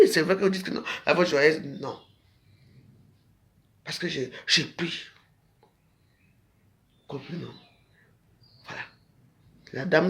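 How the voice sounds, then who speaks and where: A woman hosting a live stream, delivering a repetitive, preachy rant to her viewers that swings between low murmurs and loud, high outbursts.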